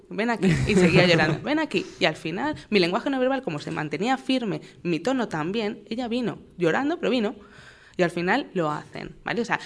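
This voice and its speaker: A young adult woman, a guest expert, calmly and patiently explaining parenting with everyday examples. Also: lowish voice, gravelly. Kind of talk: explanatory interview talk.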